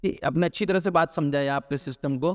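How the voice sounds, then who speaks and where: A man hosting a podcast, asking polite questions at a brisk pace. His voice sits high and lively. He sounds distant from the mic, with a long room reverb. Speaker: podcast host. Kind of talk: interview questions.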